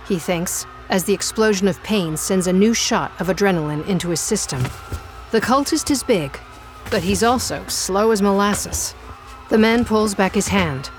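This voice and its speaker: A woman giving measured, suspenseful scripted narration for an audio drama. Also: mid-range voice.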